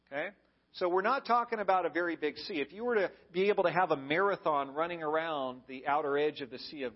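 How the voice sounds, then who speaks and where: An American pastor preaches an explanatory sermon to his congregation in a conversational, plain-spoken way, putting questions to the listeners. His voice is a little high, and the recording sounds muffled.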